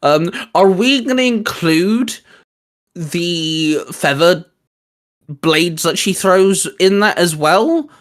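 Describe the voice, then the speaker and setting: Co-hosting a fan discussion show, a man talks about geeky topics in a rambling, enthusiastic way. His voice sits high and he takes his time.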